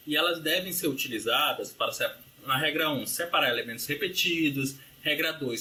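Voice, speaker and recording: Bright-voiced man teaching grammar. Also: fairly high pitch. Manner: explanatory, frequent tag questions like "né?" and "ok?"; lists rules and word examples. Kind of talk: recorded grammar review lesson.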